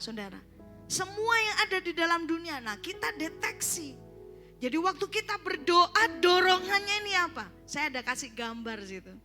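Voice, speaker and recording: Woman pastor, bright forceful sermon voice, conversational with humor. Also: high-pitched. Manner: conversational preaching with joking asides. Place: church service.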